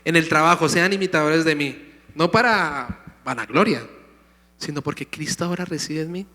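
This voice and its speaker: A man's voice: on the high side, moderate pace, sharp tone. A pastor preaching a sermon, emphatic, calling out to his congregation in a church sanctuary. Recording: long hall reverb.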